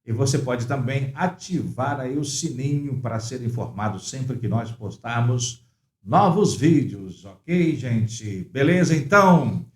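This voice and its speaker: A man hosting a relaxed, informal podcast, asking guests friendly questions. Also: mid-range voice, a little slow. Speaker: podcast host. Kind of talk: casual chat. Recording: echoey room.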